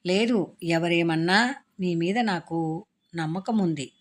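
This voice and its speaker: A woman's voice: fairly low pitch, slow. A woman voicing a tearful young woman. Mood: tearful, relieved. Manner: tearful, reproachful.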